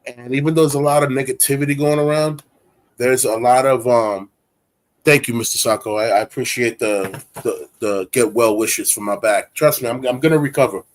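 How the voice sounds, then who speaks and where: A man's voice: mid-range voice, moderate pace. A man in his forties hosting a casual chat, talking in a rambling, candid, streetwise way. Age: 40s. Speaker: host.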